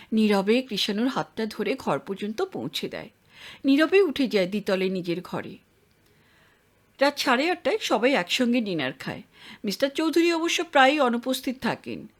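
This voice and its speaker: A woman narrating a literary audio story in a measured reading voice. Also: fairly high pitch.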